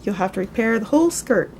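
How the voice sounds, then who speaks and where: A woman's voice: a little high, heavy background noise. A woman giving a casual, upbeat riding lesson, chatty and full of asides, now and then coughing. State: coughing at times. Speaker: riding instructor. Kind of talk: casual instructional demonstration.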